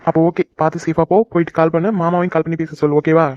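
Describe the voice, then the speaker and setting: A young cartoon man, acted by a voice performer talks briskly in a mid-range voice. He coaxes and reassures the people close to him. The recording is dry and lo-fi. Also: mid-range voice, level tone, darkish tone, no room sound, close to an everyday voice. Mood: casual. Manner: brisk, coaxing, affectionate. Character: young man, devoted son and boyfriend. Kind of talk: cartoon voice acting.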